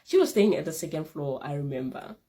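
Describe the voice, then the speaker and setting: Lively woman telling a story. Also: fairly quick. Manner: animated, laughing often, lively pitch jumps. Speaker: vlogger. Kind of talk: casual storytime vlog.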